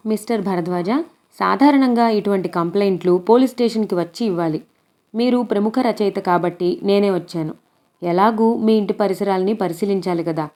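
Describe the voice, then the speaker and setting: A woman reading the lines of a brisk, skeptical young male police inspector in a storybook, with matter-of-fact questioning. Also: medium pitch, warm tone, lightly acted.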